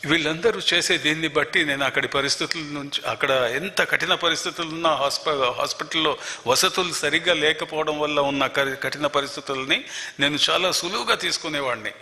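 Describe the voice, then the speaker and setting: A man's voice: a little high, fairly quick, pushed and bright. An older man giving an earnest, emphatic church testimony, repeating his key phrases. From Telangana, India. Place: prayer hall. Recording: long reverb of a prayer hall.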